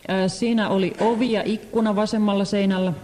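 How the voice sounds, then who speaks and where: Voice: mid-range voice, steady tone, darkish tone, slight background noise. An interpreter rendering a sermon live, hesitating often with fillers. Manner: hesitant, many fillers and restarts. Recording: echoey hall.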